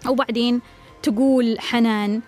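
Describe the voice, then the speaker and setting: A woman's voice: on the high side, fairly even intonation, normal speed, a little mellow, soft background music. A woman giving relationship advice, blunt and direct, firing repeated pointed questions.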